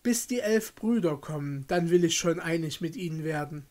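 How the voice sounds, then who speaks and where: A man's voice: a little high, animated, moderate pace, a little mellow, close to an everyday voice. A man reading aloud and voicing Benjamin, the earnest youngest brother in a fairy tale, speaking with emphasis.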